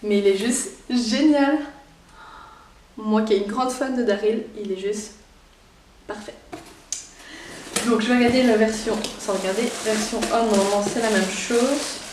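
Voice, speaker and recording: Excitable Belgian woman, echoey room. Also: mid-range voice, normal speed, recorded from a distance, slight background noise. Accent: Belgian French. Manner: chatty and excitable, many fillers. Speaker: YouTuber. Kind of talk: casual unboxing vlog. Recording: echoey room, voice somewhat off-mic.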